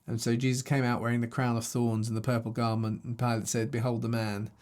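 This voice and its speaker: A man with a medium-pitched, darkish voice reads from the Bible and teaches on the passage at a quick pace and level tone. As a Bible teacher recording himself on video, he speaks conversationally, restarting as he thinks aloud.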